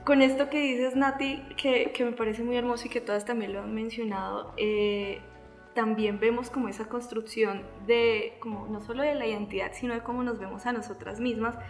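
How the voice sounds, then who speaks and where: A woman's voice: on the high side, fairly even intonation, moderate pace, faint music behind. A woman with a Colombian accent hosting a faith podcast, framing the topic in a thoughtful, hesitant way with tag questions. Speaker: host. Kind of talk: casual faith-based podcast chat.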